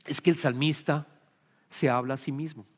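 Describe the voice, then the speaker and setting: A male pastor delivers an earnest sermon, slipping into quoted prayers and pleas and restarting his words as he goes. His voice sits a little high for a man. The sound rings with the long reverb of a large hall. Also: fairly even intonation, normal speed.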